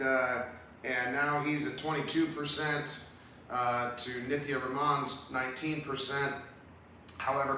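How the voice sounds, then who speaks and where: A man's voice: a little high, pushed and bright. A man hosting a podcast, ranting casually about politics in a profane, rambling, heated way. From Southern California. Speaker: podcast host. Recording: roomy, distant mic with faint hiss.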